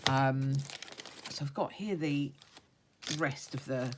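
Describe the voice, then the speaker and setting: A woman with a low, croaky, hoarse voice talks casually through a hands-on craft demonstration. She is unhurried, commenting as she works. There is some background noise on the recording. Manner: unhurried, talks along while working with her hands. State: hoarse, still getting over a croaky voice. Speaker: craft vlogger demonstrating techniques. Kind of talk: casual craft tutorial chat.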